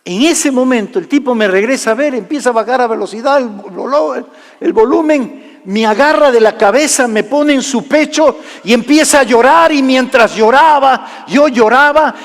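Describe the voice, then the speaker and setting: High-voiced preacher in an echoing hall. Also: male voice, moderate pace. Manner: storytelling, swings from loud to hushed. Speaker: pastor. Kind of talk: sermon testimony. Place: large church hall. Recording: live church hall reverb.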